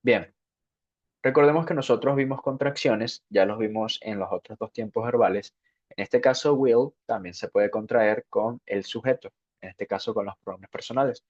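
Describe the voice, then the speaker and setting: A man's voice: on the low side, a little mellow. A man giving a spoken English grammar lesson, explaining step by step and checking in with "ok" after each point. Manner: slow, repeats "ok" to check understanding. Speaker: English teacher. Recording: dull lo-fi sound.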